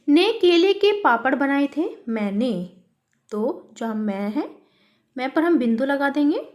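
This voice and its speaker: A woman with a high voice teaches a worksheet lesson for children. She calls her pupils "beta" and walks them through each step by asking and answering her own questions. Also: a little mellow.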